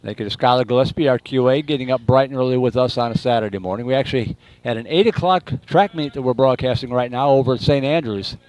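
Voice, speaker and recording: A man's voice: fast, hardly any pauses, darkish tone, rough recording. Man's announcer voice calling baseball. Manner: announcer voice calling pitches and plays. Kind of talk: live sports commentary. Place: live at a baseball ballpark.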